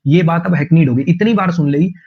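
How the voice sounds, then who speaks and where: A man's voice: on the high side, fairly quick, slightly rough, dull audio. A man teaching English vocabulary to students in an online class, repeating words many times and drawling his English example sentences. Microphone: online class stream.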